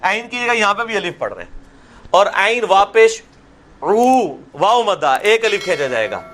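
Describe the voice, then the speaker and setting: A middle-aged man teaching prayer pronunciation, explaining each sound and then reciting slowly so the listeners can repeat after him. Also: high-pitched, big pitch swings, a bit bright, a little hiss or hum. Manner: slips into Punjabi asides. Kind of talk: classroom lesson with slow drawn-out recitation.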